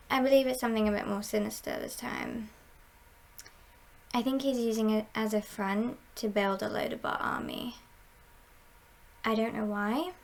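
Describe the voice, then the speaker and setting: Woman acting creaky, ASMR role-play heist boss. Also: medium pitch. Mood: conspiratorial, knowing. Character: confident, scheming female heist boss briefing a recruit.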